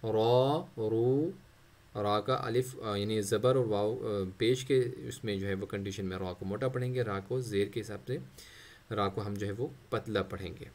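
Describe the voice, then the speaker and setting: A man's voice: on the low side, steady tone. Methodical male tajweed teacher drilling syllables. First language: Urdu. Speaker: Quran recitation teacher. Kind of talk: tajweed lesson, explaining letters and demonstrating sounds.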